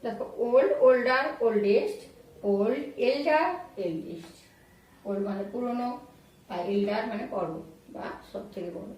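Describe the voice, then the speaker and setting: Woman teacher going over english grammar, spells words out slow, kinda higher voice, big echoey room, sits back from the mic. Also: a little mellow, far from the mic. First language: Bengali. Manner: spells out words letter by letter and repeats examples slowly. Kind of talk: explaining grammar rules to students.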